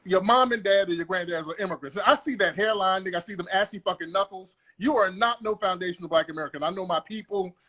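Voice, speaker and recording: With a high, husky, sharp voice, this man rattles along quickly with hardly any pauses as he aggressively questions callers in his live call-in room. The confrontational comedy stream is profane and repetitive.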